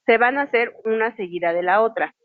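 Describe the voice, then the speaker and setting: A woman teaches sign language online, calmly spelling out letters one at a time. Her voice sits a little high. The sound is dry and muffled, like lo-fi video call audio. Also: a little fast, no echo. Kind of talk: online class instruction. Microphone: video call microphone.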